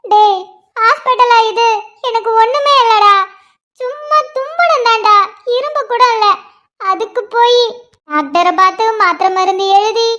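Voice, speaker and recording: A woman's voice: very high voice, measured pace, long pauses, pushed and bright, exaggerated voice. A woman voicing a panicky young woman terrified of needles, who pleads and wails over and over in a cartoon. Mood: grumbling. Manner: pleading, wailing, repetitive begging.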